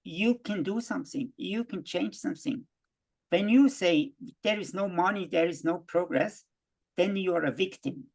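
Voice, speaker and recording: Guy lecturing in english, gravelly voice, keeps stumbling and restarting. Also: high voice. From Switzerland. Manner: halting, frequent restarts and fillers. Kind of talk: worldview lecture.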